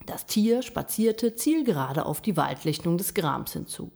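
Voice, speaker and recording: Female narrator, slightly lower voice, measured expressive storybook reading. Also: creaky. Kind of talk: reading a children's story aloud.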